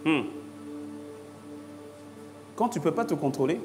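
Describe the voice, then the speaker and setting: A man's voice: fairly high pitch, animated, unhurried, darkish tone, soft background music. A man pastor preaching a sermon, driving points home by repeating short phrases with growing intensity. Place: church.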